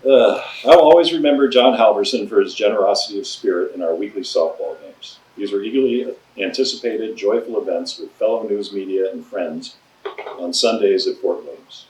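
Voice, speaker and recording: A man reading a letter aloud at a memorial service, steady with laughing asides. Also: on the low side, moderate pace, roomy sound, recorded from a distance, rough recording. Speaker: reader at memorial.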